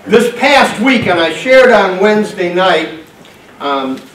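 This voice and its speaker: An older man, a pastor, leading a church service with casual, folksy talk and halting fillers, heard in a church hall. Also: sits high, animated, a bit bright. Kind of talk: sermon and service announcements. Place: church hall, indoors, medium-sized room. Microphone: far camera picking up the room's PA. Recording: echoey room from far off, faint hiss.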